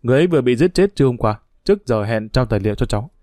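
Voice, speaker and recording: A man's voice: medium pitch, animated, racing, dark tone, dry recording, natural voice. Man reading a troubled young nephew.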